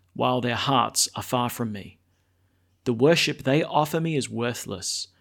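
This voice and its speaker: A man speaking as a priest, reading scripture and preaching in a measured, solemn way. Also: mid-range voice, vocal fry. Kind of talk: liturgical reading and homily.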